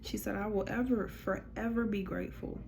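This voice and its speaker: A woman giving a spiritual reading in a casual, informal way, relaying messages with a steady run of "she said". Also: medium pitch, a little fast, gravelly, noisy background. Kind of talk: casual channeling monologue.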